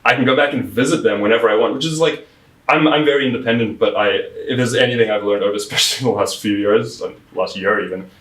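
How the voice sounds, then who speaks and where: A young man from South Africa, a guest telling his story in a casual interview, chatty and full of fillers, recorded on a lapel mic in a bright room by a window. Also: medium pitch, quick pace. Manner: chatty storyteller, many likes and fillers, laughs often. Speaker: guest, PR firm founder. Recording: roomy echo, mic at a distance.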